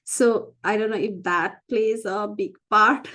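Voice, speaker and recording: As an interview guest, a physician and founder from Nepal recounts her experiences in a candid, conversational way, with a Nepali accent. Her medium-pitched voice has a sharp tone and fairly even intonation, delivered slowly, with phrases repeated for emphasis.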